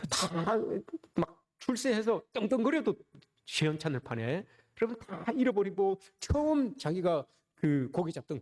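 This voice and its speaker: A man's voice: fairly high pitch, a little mellow. A man preaching a sermon as pastor, joking and asking the congregation rhetorical questions.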